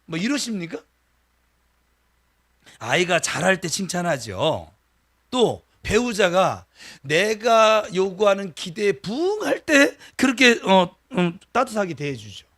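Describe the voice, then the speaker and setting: A man preaching a sermon as pastor, animated and talking straight to the congregation, acting out everyday voices as he goes. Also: on the high side. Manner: animated, acts out quoted voices, talks to the congregation directly. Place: church sanctuary.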